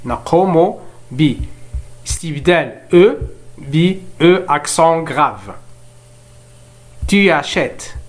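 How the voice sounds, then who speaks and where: A man teaching French grammar in Arabic, explaining quickly and then slowly spelling out French verb forms one by one. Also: a little high. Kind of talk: bilingual grammar lesson.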